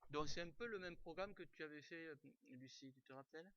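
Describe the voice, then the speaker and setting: Teaching an online class over a video call's computer mic, a man talks informally, stumbling through fillers and restarts. His voice is a little high, fairly quick and a bit bright, while the audio is dry and dull.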